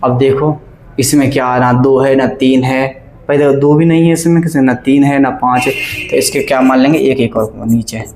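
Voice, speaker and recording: A man's voice: mid-range voice, steady tone, normal speed, a little mellow. A male math teacher giving a classroom lesson, working sums aloud step by step and keeping the students engaged with questions. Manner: keeps asking the class questions and checking they follow; works sums aloud step by step, repeating numbers. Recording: echoey classroom, faint background noise.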